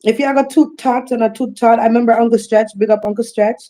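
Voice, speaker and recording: A woman's voice: fairly high pitch, quick pace. A woman reggae singer, talking boldly and laughing often in a casual podcast interview. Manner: bold, animated, laughs often, repeats phrases.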